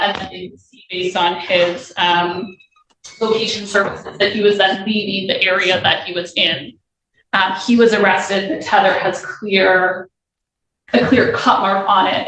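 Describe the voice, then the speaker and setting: A woman's voice: medium pitch, fairly bright tone. Woman prosecutor way off the mic, super echoey room, methodical formal argument. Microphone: far from the speaker. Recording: echoey courtroom, distant mic, faint noise.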